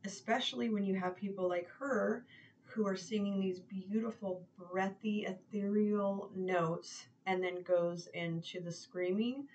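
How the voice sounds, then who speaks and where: A woman's voice: mid-range voice, fairly even intonation, measured pace, a little mellow, highs cut off, slight background noise. A young woman casually chatting as she reviews a metal song, gushing and informal, swearing now and then. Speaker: music reaction reviewer. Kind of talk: casual chat.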